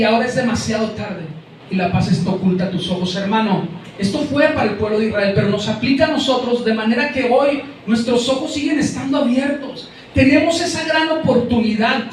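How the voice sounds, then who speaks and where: A male pastor with a Mexican Spanish accent preaches to his congregation in a very high voice. He speaks straight to the listeners and repeats words while searching for the next one. The voice comes from far off in a very echoey church room. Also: brisk, slight background noise. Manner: addresses the congregation directly, calling out names. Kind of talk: sermon. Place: church hall.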